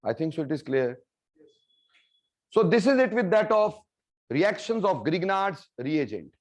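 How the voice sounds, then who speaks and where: Male chemistry teacher, mixed in, high voice, unhurried classroom delivery that checks understanding. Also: sing-song. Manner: explains step by step, asks the class "clear?" and repeats key terms; calls students "beta" and "bhai". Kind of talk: classroom lecture mixing Hindi and English.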